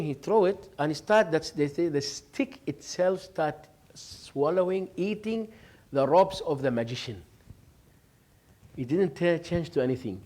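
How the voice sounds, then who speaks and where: A sheikh tells stories and acts out conversations during a relaxed religious lesson, joking and laughing as he goes. His voice is a little high but has a darkish tone.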